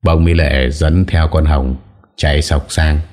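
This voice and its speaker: A man narrating an audiobook drama in a steady, dramatic way. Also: very deep voice, a little slow. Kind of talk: scripted story narration.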